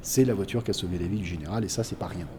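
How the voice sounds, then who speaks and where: A man's voice: low voice, racing, over loud music. A man giving an informal, explanatory account of history as a narrator.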